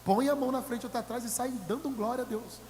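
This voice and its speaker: Brazilian male pastor, high voice, booming hall, jokey sermon, mimics congregants. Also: quick pace, slight background noise. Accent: Brazilian Portuguese. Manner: humorous, acts out congregants' voices; swings from shouted to quiet. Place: church hall.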